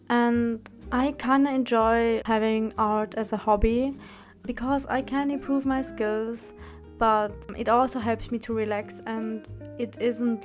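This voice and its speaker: A woman of twenty-one from Austria, narrating a drawing video in a careful, scripted way. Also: a little high. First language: German. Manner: careful, steady, read-out delivery. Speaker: art student and drawing channel host.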